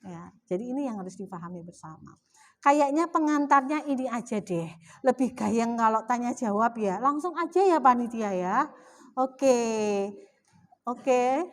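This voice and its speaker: A woman's voice: fairly high pitch, animated, a little slow. A middle-aged woman with a Javanese accent gives a chatty religious talk in a mosque, often asking her audience questions. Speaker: Islamic women's study speaker.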